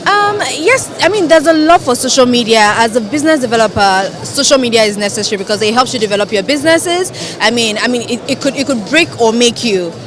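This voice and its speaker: A business developer giving a vox pop interview, answering hesitantly and repeating herself. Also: female voice, fairly high pitch, animated, brisk, few pauses. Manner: hesitant, repetitive. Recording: music playing behind.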